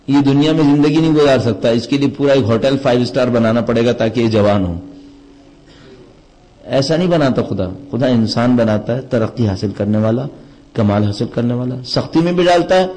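Emphatic preacher man, pitch swinging high and low. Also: rough recording. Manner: rising to emphatic high pitch, then dropping low and soft; storytelling with questions to the audience. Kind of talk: religious sermon.

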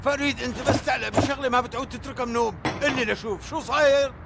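A man's voice: extremely high pitch, steady tone, racing, gravelly, heavy background noise. A man playing a cheeky, reckless Syrian uncle in a drama, flippant and evasive, talking conversationally. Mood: defensive, evasive. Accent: Syrian Arabic.

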